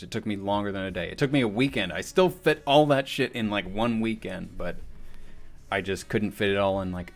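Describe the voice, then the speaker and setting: A young man chatting casually on a livestream while animating, rambling and swearing often. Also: fairly low pitch.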